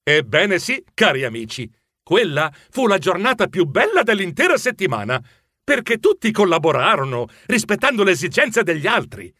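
A man reading a children's storybook aloud in the first person, full of exclamations. His voice sits high and swings widely in pitch. The tone is bright and the recording is dry. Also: sing-song, moderate pace, dry recording. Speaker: audiobook narrator.

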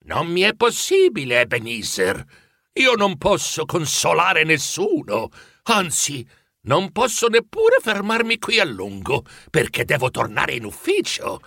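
A man's voice: huge pitch swings, measured pace, gravelly, sharp tone, no room sound, clean studio sound, heavily acted. A man voicing the ghost of a dead old businessman, chained and remorseful, speaking in a mournful, pleading way for a storybook reading. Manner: mournful, pleading, rising in pitch.

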